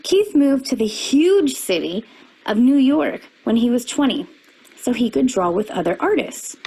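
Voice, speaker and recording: A woman reading a children's picture book aloud, with expressive storybook delivery that rises for quoted lines. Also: on the high side, unhurried, gravelly, husky, rough recording.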